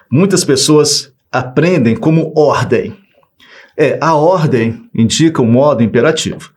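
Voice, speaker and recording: A Brazilian man teaching Portuguese grammar in an exam-prep video lesson, joking and acting out example phrases. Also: a little high.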